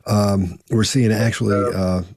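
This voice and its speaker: A man's voice: on the low side, steady tone, a little slow, darkish tone, no echo, studio quality. A man hosting a casual panel discussion, rambling and restarting as he gives his read on body language. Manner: rambling, with many fillers and restarts. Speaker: panel host.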